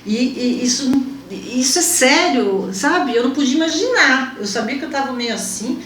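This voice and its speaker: A woman host telling an emotional personal story in conversation, animated and repetitive, her pitch jumping as she gets moved. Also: normal speed. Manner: animated, repeats herself, pitch jumps when moved. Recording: echoey room, mic at a distance, faint background hum.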